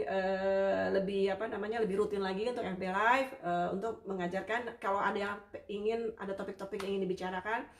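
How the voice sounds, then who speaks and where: A woman therapist hosting a casual live-stream Q&A, chatty and warm with viewers, full of hesitations and fillers. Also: mid-range voice, gravelly. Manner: warm and apologetic toward viewers. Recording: roomy sound, distant from the mic.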